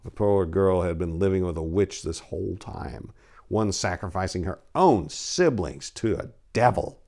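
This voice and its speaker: This man has a low, animated voice that is a little slow and a little mellow. As narrator and story editor, he tells dramatic stories and talks informally to listeners in a theatrical, hammy storyteller's manner.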